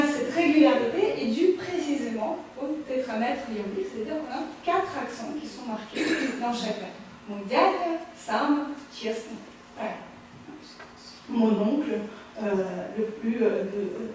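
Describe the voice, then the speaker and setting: A woman's voice: fairly high pitch, darkish tone, a little hiss or hum. A woman giving a public lecture on literature, explaining step by step with frequent hesitations and self-corrections. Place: media library talk room, live audience. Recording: very echoey room, mic far off, faint ambience.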